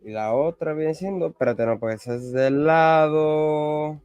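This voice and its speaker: A male host on a video call, chatting in a lively way and thinking aloud while he checks things. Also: fairly high pitch, a little slow, clean tone, highs cut off, faint music behind. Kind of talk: casual conversation.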